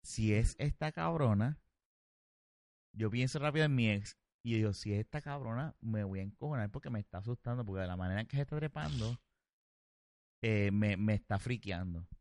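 A man, telling a story on a casual podcast, animated, swearing freely and laughing often. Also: lowish voice, brisk, no echo.

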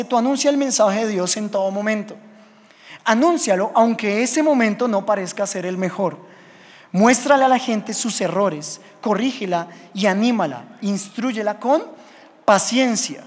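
A high-voiced pastor preaches to a congregation and tells his stories with lively sound effects. His voice carries a long reverb from a large hall. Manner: animated storytelling, acts out scenes with sound effects. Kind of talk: sermon.

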